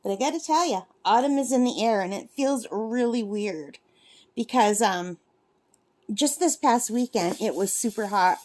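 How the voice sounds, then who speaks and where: A woman in her fifties rambles casually for her vlog, crafting in her cabin at the lake and correcting herself along the way. She speaks at a moderate pace in a voice on the high side, a little mellow.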